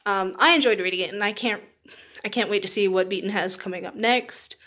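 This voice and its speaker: She's a young woman hosting a book review video, her medium-pitched voice steady, brisk and a bit bright. The chat wanders informally, and she laughs softly at her own expense.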